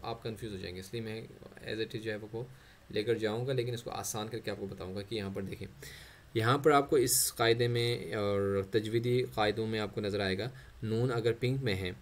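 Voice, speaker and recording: A man, an Urdu speaker, teaching tajweed step by step, stretching out example words with nasal recitation. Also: on the low side. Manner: patient step-by-step explaining, modeling words with drawn-out nasal recitation.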